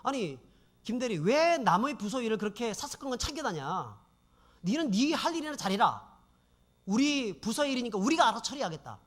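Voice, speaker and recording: Man doing an older male boss, firm, commanding, high voice. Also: big pitch swings, fairly quick, exaggerated voice. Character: older male department head, protective and firm.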